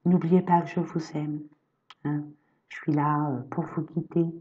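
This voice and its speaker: A low, mellow-voiced woman talks slowly and gently, reassuring her viewers during a spiritual horoscope reading. She is affectionate and calls them her friends. The sound is slightly muffled and lo-fi. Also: level tone. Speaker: energy therapist and medium giving horoscope readings.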